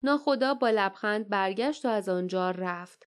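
A woman's voice: mid-range voice, clear, resonant tone. A woman narrating an audiobook adventure story, reading the narration in formal literary prose. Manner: reads dialogue in plain colloquial speech with narration in formal literary prose.

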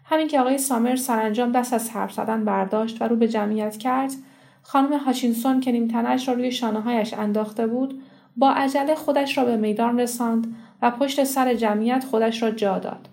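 A woman reading a short story aloud in a steady, measured storytelling manner. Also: fairly high pitch, creaky. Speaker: story reader. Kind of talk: scripted audiobook narration.

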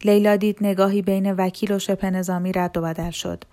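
Woman narrating a novel in steady tones. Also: medium pitch. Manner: steady, measured reading. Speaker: storyteller.

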